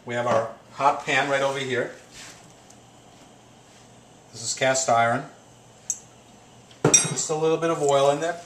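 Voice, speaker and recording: A middle-aged man talks his way through a home cooking demo in a chatty, upbeat manner. His voice sits at an ordinary pitch. The kitchen sounds echoey, with loud frying and sizzling behind him on a camera mic. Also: fairly even intonation, unhurried, long pauses, background noise. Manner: chatty, upbeat, talks while working at the stove. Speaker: home cooking show host. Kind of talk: casual cooking demonstration.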